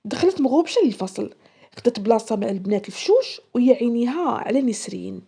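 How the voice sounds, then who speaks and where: A woman's voice: a little high, vocal fry, breathy edge. A woman with a Moroccan accent telling a story and voicing each character in turn. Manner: voices each character in turn, quick and lively. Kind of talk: storytelling narration.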